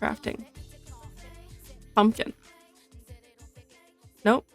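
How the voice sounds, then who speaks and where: A young woman rambling casually through gaming commentary, chatty and full of tangents, enunciating clearly. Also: drawn-out words, soft background music. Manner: chatty, tangent-prone, self-deprecating. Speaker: gaming streamer.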